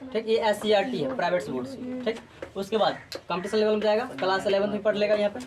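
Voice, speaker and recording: A woman's voice: medium pitch, quick pace, crowd noise. A woman teaching a physics class, drilling students with repeated call-and-response questions. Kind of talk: classroom lecture.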